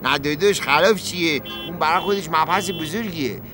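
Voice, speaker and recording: A man's voice: on the high side, over music, natural voice. An actor playing a cheeky male junk-peddling taxi passenger who rambles on boastfully in a comic sketch. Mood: rambling. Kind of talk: comic puppet-show acting.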